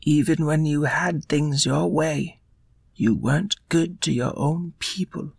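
A man's voice: a little high, takes it slowly, creaky, breathy edge, no room sound, studio quality, heavily acted. A man voicing a stern male fish commander in a bedtime story, firm and reproachful.

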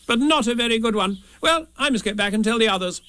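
A man voicing a brisk, clever, self-important rabbit in a storybook, prompt and businesslike. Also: very high-pitched, expressive, bright, forceful tone, clean tone, no echo, pitched above the performer's own voice, exaggerated voice.

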